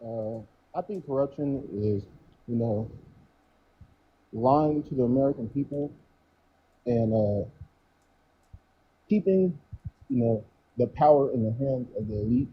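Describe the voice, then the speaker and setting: A man's voice: mid-range voice, lively intonation, measured pace, pauses often, a little hiss or hum. A 21-year-old man calling in, hesitant and full of fillers, his mic so muffled he sounds like he is talking through a wall. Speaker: call-in guest. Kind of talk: casual debate over a call. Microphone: muffled remote call mic.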